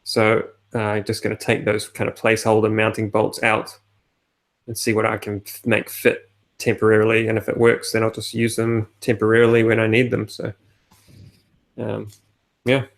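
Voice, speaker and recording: A man's voice: fairly low pitch, completely flat delivery, normal speed, creaky. A man co-hosting a casual podcast, talking in a hesitant, matter-of-fact way with many fillers. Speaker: podcast co-host. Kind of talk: casual chat.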